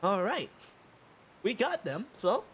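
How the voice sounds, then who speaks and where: Man, gaming streamer, morning voice, unhurried, pitch swinging up and down, halting, rambling. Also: slight background noise. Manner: halting, rambling, excited bursts. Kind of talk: casual gacha-roll commentary.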